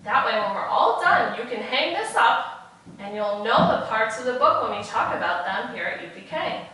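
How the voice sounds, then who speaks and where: A woman's voice: a little high, very animated, normal speed, sharp tone. A woman teaching young children in a kindergarten teacher voice, speaking in simple, encouraging phrases for a virtual lesson. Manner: encouraging, with frequent praise and prompts. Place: echoey indoor room, away from mic. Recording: very echoey room, distant mic.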